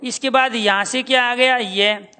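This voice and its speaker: Bright-voiced man teaching a lesson. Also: very high-pitched, fairly even intonation, unhurried, smooth. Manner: addresses students as dear children, drills sounds by repeating them. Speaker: Hindi teacher. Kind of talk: classroom lecture.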